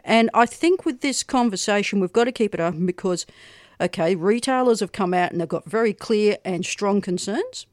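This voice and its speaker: An Australian woman hosting a radio show, chatting casually with quick self-deprecating asides. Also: mid-range voice, lively intonation, no echo, studio quality. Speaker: radio host.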